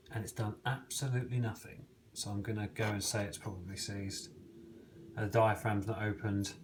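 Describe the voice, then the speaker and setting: Bloke doing a laid-back diy repair vlog, chatty and self-mocking, lots of ums, bit of faint background noise. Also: male voice, fairly low pitch, poor audio. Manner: relaxed, self-deprecating, thinks aloud with many ums. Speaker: DIY mechanic vlogger. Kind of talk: casual how-to commentary while working.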